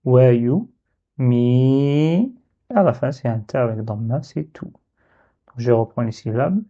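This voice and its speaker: Male teacher, French accent, unhurried step-by-step lesson delivery, dark muffled tone. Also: mid-range voice, expressive, husky. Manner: slow, patient, drawn-out sounding of syllables.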